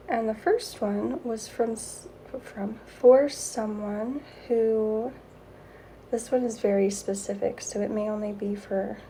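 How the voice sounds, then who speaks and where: A woman speaks in a soft, breathy voice, gently and meditatively guiding an energy healing session as the host. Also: on the high side, slight background noise, poor audio. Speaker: Reiki healer and host.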